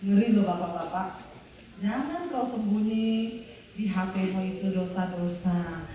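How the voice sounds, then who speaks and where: A woman pastor preaching an animated sermon, telling stories and calling out to the congregation. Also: mid-range voice, unhurried, slight background noise. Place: large revival hall. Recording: echoey hall, mic at a distance.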